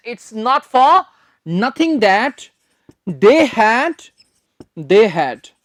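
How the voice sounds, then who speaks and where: A man with an Indian accent teaching English phrases in a recorded lesson, dictating slowly, spelling words letter by letter and repeating them for students. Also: very high-pitched, dry recording, studio quality.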